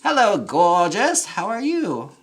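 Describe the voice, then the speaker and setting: A young man chatting casually with viewers while getting ready, campy and quick to laugh. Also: sits high, wildly swooping pitch, fairly bright tone, soft background music. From United States. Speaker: drag performer and channel host. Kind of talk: casual chat while reading viewer comments.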